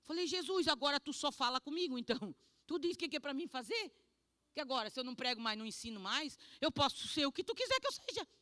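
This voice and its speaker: A woman pastor from Brazil tells her testimony in an animated, emotional sermon. Her voice is bright and forceful, recorded close and dry. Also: high-pitched, fast, no echo.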